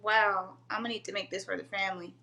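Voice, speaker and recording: A woman guest cook on a live cooking stream, excited and laughing as she tastes her dish. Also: medium pitch, fast, creaky. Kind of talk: casual live cooking chat.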